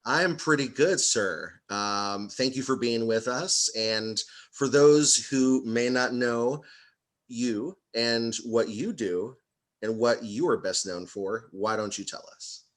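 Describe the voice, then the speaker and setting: A man's voice: medium pitch, slow pace. Guy hosting a podcast roundtable on a video call, friendly, rambles a lot, restarts his sentences. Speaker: podcast host. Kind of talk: casual roundtable interview.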